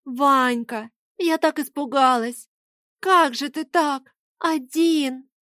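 A woman voicing a frightened, tearful young maiden with a high voice. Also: lively intonation, measured pace, no echo, clean studio sound. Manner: high, sobbing.

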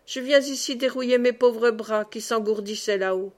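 A woman's voice: a little high, moderate pace, close to an everyday voice. A woman reading the lines of a jovial, talkative male monk who rambles from one tale to another in an audiobook. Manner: rambling, digressive, pleading.

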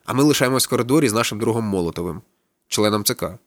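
A man narrating a literary audiobook in a brisk, low-key storytelling manner. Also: animated, no echo.

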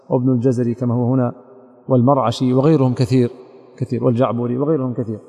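A man lectures as a sheikh in a quick, methodical delivery and speaks directly to a student. His voice is gravelly and mellow. The recording carries a long hall reverb. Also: medium pitch. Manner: methodical, addresses a student directly, quotes scholars. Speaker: sheikh teaching recitation rules. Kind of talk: explanatory lecture on a didactic poem.

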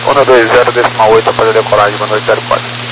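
A man, a pilot over the radio, reading back clearances in clipped, brisk radio phraseology. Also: lowish voice, flat delivery, over music, low-quality recording. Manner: clipped, brisk readbacks of numbers. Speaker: airline pilot. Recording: loud static on a radio channel.

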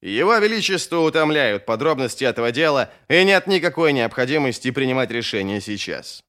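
A man voicing an officious old royal chamberlain in an audiobook, in a measured, slightly raised voice. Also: mid-range voice, very animated, a bit bright. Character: old court chamberlain, smooth and managing.

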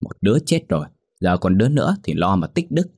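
A sharp-tongued old servant woman, blunt and scornful, scolding loudly, as a man puts her on. The voice is husky and raised higher than his usual deep tone, in a dry, close recording. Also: big pitch swings, fast talker, no echo, heavily acted.

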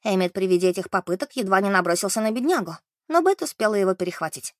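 A woman narrating an audiobook in an expressive, animated way. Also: medium pitch, fast talker, no echo, clean studio sound.

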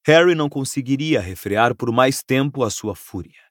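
A man's voice: medium pitch, normal speed, no room sound. Man, Brazilian accent, audiobook narration, dramatic, dry close mic. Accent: Brazilian Portuguese. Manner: expressive, dramatic reading. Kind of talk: scripted narration.

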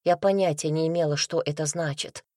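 A woman narrating a first-person novel in a lively, expressive reading voice, close to the mic. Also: sits low, a little fast, no echo. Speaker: audiobook narrator.

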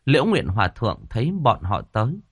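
A man narrating an audiobook story in a lively storytelling manner. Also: fairly low pitch, a little fast, husky, no room sound.

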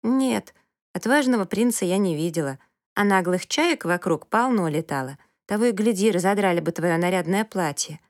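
A woman voicing a lively, curious young girl who talks frankly and eagerly in a storybook reading. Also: medium pitch, normal speed, no room sound, clean studio sound, lightly acted.

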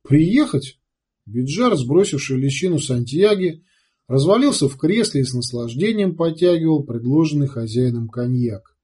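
A man narrating an audiobook in steady storytelling. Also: mid-range voice, moderate pace, slightly rough. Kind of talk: scripted narration.

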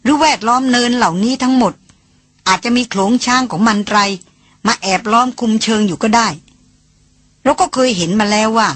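A woman's voice: on the high side, normal speed, fairly bright tone, no room sound. A woman voicing a headstrong young woman who scolds and speaks with sarcasm in an audiobook. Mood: explaining. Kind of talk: audiobook character reading.

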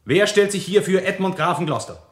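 High-voiced righteous knight, echoing. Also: male voice, lively intonation, fairly quick. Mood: solemn. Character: noble, righteous knight challenger, solemn and accusing. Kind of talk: classic radio play acting, theatrical verse. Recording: roomy echo on the voice.

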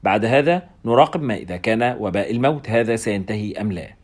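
Man reading tired confident doctor, calm and measured, low voice. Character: weary, self-assured male foreign doctor.

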